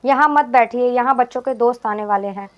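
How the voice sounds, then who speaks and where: Scolding daughter-in-law, scornful and dismissive, high voice, as a woman storyteller puts her on. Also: fairly quick, dull audio, natural voice.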